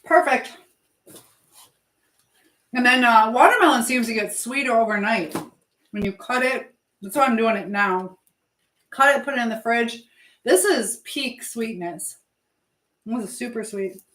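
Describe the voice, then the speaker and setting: A woman who hosts livestreams and teaches languages chats casually while cooking in her home kitchen, thinking aloud and rambling. Her voice is a little high with a fairly bright tone, and she speaks unhurriedly with long pauses. The recording has a roomy echo and noticeable background noise.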